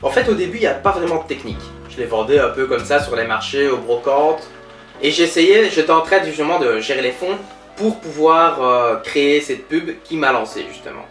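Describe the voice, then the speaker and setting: Guy playing a bragging billionaire, super lively sing-song delivery, far from the mic. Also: fairly high pitch, brisk. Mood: boastful. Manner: bragging, self-satisfied, lively storytelling. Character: boastful, pompous male billionaire entrepreneur. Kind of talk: comedy sketch interview. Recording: roomy, distant mic, faint music.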